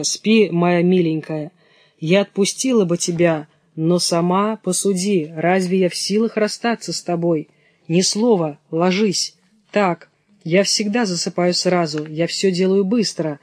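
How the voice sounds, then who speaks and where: A man's voice: sits high, a little mellow, dry recording. A bold young robber girl snaps out commands in a raised, brusque voice, as a man reading the play puts her on. The recording is close and dry, with no room sound.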